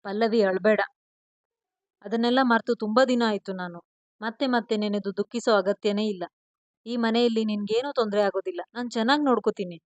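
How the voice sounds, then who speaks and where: A woman's voice: medium pitch, fairly quick, no room sound, close to an everyday voice. Brief: soothing, devoted young man in an audio story, voiced by a woman in her own voice. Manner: soothing, pleading.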